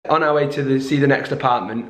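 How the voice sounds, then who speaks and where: A man's voice: medium pitch, fairly even intonation, fast talker, roomy sound, soft background music. A man chatting casually to camera in a vlog while out looking at apartments. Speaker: vlogger. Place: out and about in a city.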